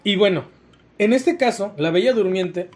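A man's voice: high voice, moderate pace, heavy background noise. A man with a Mexican accent telling a story on a casual podcast, rambling and slangy, with lots of swearing. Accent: Mexican Spanish.

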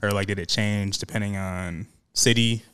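A man's voice: on the low side, steady tone, moderate pace, a bit bright, smooth. A man co-hosting a podcast, asking questions and chiming in with short agreements. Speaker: podcast co-host. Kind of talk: casual chat.

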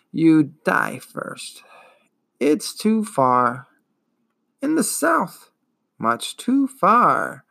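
A man reads as an ancient giant turtle, a weary old female creature from a storybook, dragging each word out in a very slow drawl. Her gloomy voice is gravelly and wheezing, and it swoops widely in pitch. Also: fairly bright tone, full character voice.

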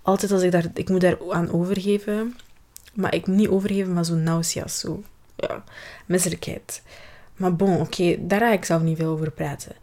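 A young woman with a Flemish accent talks into her podcast mic, reflecting on her year. She rambles, stops to hunt for the right word and restarts her sentences. Her voice sits a little low for a woman. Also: steady tone, moderate pace, mellow. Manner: rambling, searches for words, fillers and restarts. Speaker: podcast host. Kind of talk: personal year-in-review podcast.

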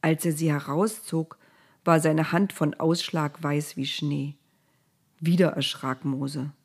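A woman reading a storybook aloud at a calm, measured pace. Her voice sits fairly low for a woman and stays even and unhurried. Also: husky. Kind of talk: storybook narration.

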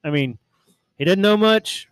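A man's voice: high voice, expressive, a little slow, clear, resonant tone, no room sound, studio quality. A man who co-owns a brewery, telling stories in casual chat and rambling through restarts. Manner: rambling storyteller, stacks up restarts. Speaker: brewery co-owner.

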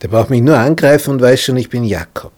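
A man's voice: medium pitch, fast talker, darkish tone, pitched above the performer's own voice, lightly acted. A man voicing the young man Jakob, anxious and hesitant, pleading in a rising, agitated voice. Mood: fretful.

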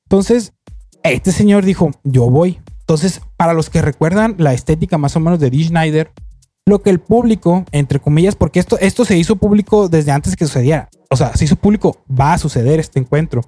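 A man's voice: on the high side, a little fast, no echo, soft background music. Man telling a story. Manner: rambling, many restarts, quotes people in lively voices. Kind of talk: casual storytelling chat.

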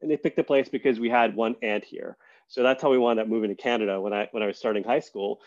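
A man talking as a guest on a podcast, relaxed and thoughtful, with lots of fillers and restarts. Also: medium pitch, fast, muffled recording. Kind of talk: casual interview conversation.

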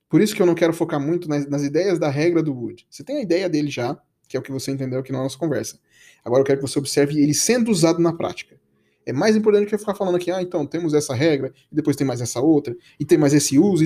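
A man's voice: fairly high pitch, dark tone. A man from Brazil teaching English in a casual, chatty podcast lesson, coaxing listeners with slangy asides.

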